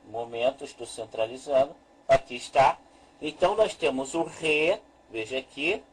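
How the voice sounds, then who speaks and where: A man teaching a slow, deliberate lesson as a Hebrew teacher, repeating each point and walking through a chart on screen. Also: medium pitch, slightly rough, rough recording.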